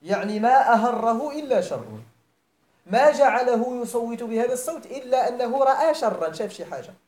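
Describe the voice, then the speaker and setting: A man's voice: very high voice, animated, fairly quick, darkish tone. Moroccan guy teaching grammar in an echoey classroom, voice bounces up and down a lot, keeps asking if everyone gets it. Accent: Moroccan Arabic. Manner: explains step by step, repeats phrases, checks students' understanding; switches between formal Arabic and Moroccan dialect. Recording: echoey room.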